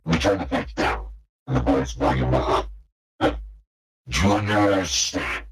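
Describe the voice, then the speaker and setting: A man voicing a mysterious male schemer through a deep pitch-shifted voice changer, asking slow, insistent questions in a tabletop roleplay game. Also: lively intonation, husky, full character voice. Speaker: game master.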